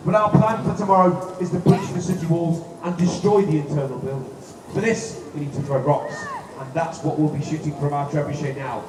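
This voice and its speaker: A man's voice: a little high, fairly even intonation, brisk. A man presenting a live outdoor demonstration in an emphatic, theatrical showman's manner. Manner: showman-like, emphatic, dramatic delivery to a crowd. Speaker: live show presenter at a castle attraction. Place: outdoors at castle grounds before a crowd. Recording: echoey distant outdoor PA, noisy crowd.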